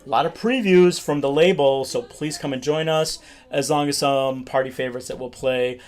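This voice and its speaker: A man's voice: mid-range voice, normal speed, darkish tone. A male DJ, a guest in a casual interview, talking enthusiastically about his music. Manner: enthusiastic, uses filler "like". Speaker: DJ and record label guest.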